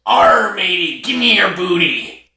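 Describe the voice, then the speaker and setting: A rowdy pirate hollers in a rasping, gravelly growl, pitched very high and swinging wildly. A man puts him on, the lines stretched out slowly. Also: big pitch swings, reverberant, far from the mic, heavily acted. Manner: shouting pirate calls.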